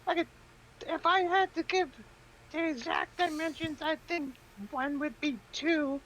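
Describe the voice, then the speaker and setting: A woman's voice: sits high, measured pace, low-quality recording. A woman playing in a tabletop game, chatting casually and giggling. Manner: giggly, lively. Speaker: player.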